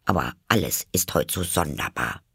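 A man's voice: very deep voice, lively intonation, moderate pace, vocal fry, bright, forceful tone, slightly rough, no echo, studio quality, full character voice. A man voicing an eager, polite little girl in a storybook reading, chattering anxiously and apologizing.

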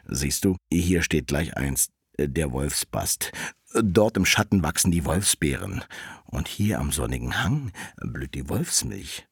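Man doing a low, sly wolf. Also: big pitch swings, creaky, breathy edge, no room sound, clean studio sound, exaggerated voice. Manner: slow, honeyed, deceitful. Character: sly scheming male wolf, deep and smooth.

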